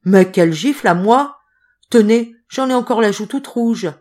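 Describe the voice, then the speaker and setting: A woman reading an audiobook, voicing an excitable male court clerk who is indignant and emphatic. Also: on the high side, moderate pace. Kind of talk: audiobook character voice.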